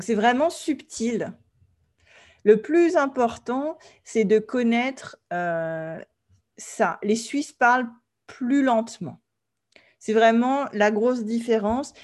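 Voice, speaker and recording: Woman from France, French teacher, online class, patient, clear explanations, checks in with students often. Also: mid-range voice, a little mellow.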